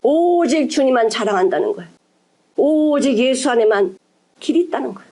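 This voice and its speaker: A woman's voice: high voice, animated, moderate pace, warm tone. A woman pastor delivering a sermon, emphatic and full of rhetorical questions to her congregation, moving between formal and casual speech.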